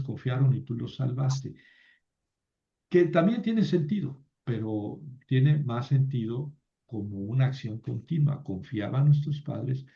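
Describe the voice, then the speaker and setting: A man teaching a biblical Hebrew class, explaining slowly with many fillers and restarts. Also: mid-range voice, vocal fry, highs cut off. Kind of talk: online class lecture.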